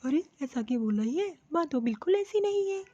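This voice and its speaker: An easygoing young husband and son, voiced by a woman for a cartoon, always trying to smooth things over. The voice is very high yet mellow. The recording is dull and muffled. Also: very animated, brisk. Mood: placating. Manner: soothing, placating. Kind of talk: cartoon voice acting.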